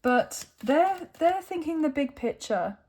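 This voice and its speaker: This tarot reader, speaking casually to camera, has a slightly high, darkish voice that's animated yet croaky and worn out. Her delivery is relaxed and talkative, and she keeps tacking on tag questions such as "right" or "okay." The audio was captured on a phone.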